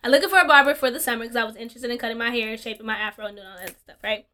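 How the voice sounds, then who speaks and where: A woman's voice: a little high, rapid-fire, pushed and bright. A woman co-hosting a podcast, chatting casually with many fillers and laughs. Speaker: podcast co-host. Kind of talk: casual chat.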